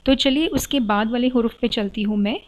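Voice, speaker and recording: A woman's voice: on the high side, a little fast, low-quality recording. A woman teaching Quran letter pronunciation, explaining patiently and drawing out letter sounds for learners to copy. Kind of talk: slow, explanatory lesson, switching between Hindi-Urdu and English.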